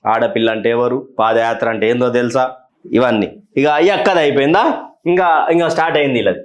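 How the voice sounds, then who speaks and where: A man's voice: mid-range voice, fairly quick. A man giving heated political commentary, scolding and taunting, repeating his questions. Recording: roomy echo.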